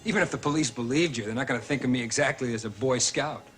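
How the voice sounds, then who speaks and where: Male actor as lovelorn outlaw, earnest, reproachful, soap opera, clear musical underscore. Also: medium pitch, fast, fairly bright tone, faint music behind, lightly acted. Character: lovelorn, wounded, rebellious outlaw suitor.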